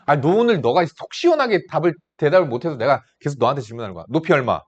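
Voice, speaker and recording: A man's voice: a little high, big pitch swings, racing, breathy edge, lo-fi sound. A man in his thirties teaching math to a class, chatting casually and teasing his students between problems. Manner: casual, teasing, talks down to students like a big brother. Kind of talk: classroom lecture with side stories.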